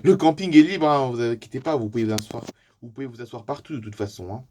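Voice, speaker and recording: A man voicing a friendly adult camper from Florida, chatting in improvised pretend play with a relaxed, reassuring manner. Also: medium pitch, fast, slight background noise, pitched below the performer's own voice, lightly acted. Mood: easygoing.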